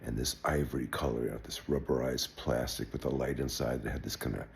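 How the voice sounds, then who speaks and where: An older man telling a wry personal anecdote in a relaxed, halting way, with wry understatement. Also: a bass voice, gravelly. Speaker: storyteller. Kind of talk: personal anecdote told aloud.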